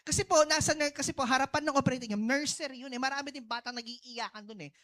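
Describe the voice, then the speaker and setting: Filipino-accented pastor sharing a testimony. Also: male voice, very high-pitched, fast talker. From Philippines. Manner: switches between Tagalog and English, asks the congregation "no?" and "di ba?"; talks in short bursts with big swings in loudness. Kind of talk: sermon testimony.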